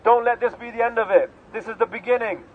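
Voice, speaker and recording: A man's voice: very high voice, quick pace, a little hiss or hum. A man speaking at an outdoor street rally, impassioned, calling on the crowd. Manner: impassioned, leads chants. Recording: tinny lo-fi outdoor recording.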